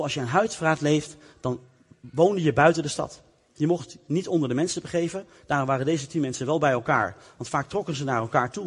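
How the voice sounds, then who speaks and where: A man preaching a sermon, telling a Bible story in a lively way and acting out its people. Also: on the high side, husky. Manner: lively storytelling, acts out the characters. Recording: long reverb of a hall.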